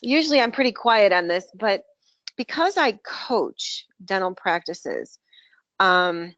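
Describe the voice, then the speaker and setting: A woman's voice: medium pitch, fairly bright tone, no echo. A woman speaking as a dental practice coach on a group voice call, outspoken and emphatic. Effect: heard over a group voice call. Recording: dull lo-fi call audio.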